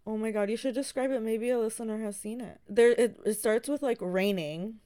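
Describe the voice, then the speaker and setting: A woman's voice: fairly high pitch, a little fast, warm tone. A young woman co-hosting a podcast, reminiscing in an informal, giggly way with lots of "like". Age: young adult. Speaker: podcast co-host. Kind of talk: casual chat, reminiscing.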